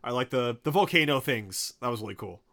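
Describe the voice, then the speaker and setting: A man's voice: mid-range voice, lively intonation, fairly quick, fairly bright tone. A man co-hosting a casual chat, teasing his friend and swearing casually. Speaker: podcast co-host.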